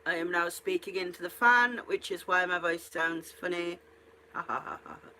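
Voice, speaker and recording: A woman's voice: lowish voice, normal speed, pushed and bright, poor audio. A woman chatting on a home livestream, her voice warbled as she talks straight into a running electric fan. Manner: chatty, rambling, self-amused. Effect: voice warbled by talking into a running electric fan. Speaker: spider-keeping livestreamer. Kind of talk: casual livestream chat. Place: at home, indoors.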